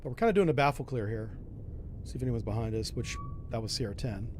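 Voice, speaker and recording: A man's voice: mid-range voice, lively intonation, fast talker, a little mellow, a little hiss or hum. A man doing casual commentary on a submarine game, thinking aloud with mild exclamations. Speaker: gamer, host.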